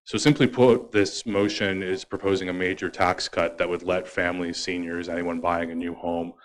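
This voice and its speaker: A man, a councillor reading out a motion and then speaking to it in a formal, steady way. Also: sits low, moderate pace.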